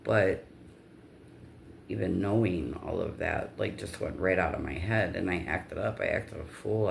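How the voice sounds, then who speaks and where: A woman's voice: a bass voice, gravelly, slight background noise. A woman telling a personal story in a casual vlog rant, with blunt, profanity-heavy delivery.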